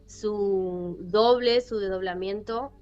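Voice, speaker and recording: A woman's voice: mid-range voice, takes it slowly, a little mellow. A woman with a Rioplatense Spanish accent hosting a podcast, telling a story casually and animatedly, with many fillers and repetitions. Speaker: podcast host. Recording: lo-fi with faint music.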